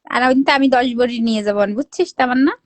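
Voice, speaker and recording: Loud teasing woman on a dry phone mic. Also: high-pitched, quick pace, no echo. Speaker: live stream host. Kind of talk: casual live chat.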